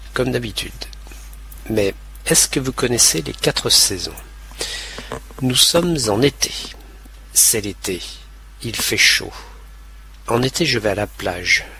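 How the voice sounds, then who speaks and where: A man narrating a scripted language lesson in a slow, clear, carefully pronounced way. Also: fairly low pitch, lively intonation, pushed and bright.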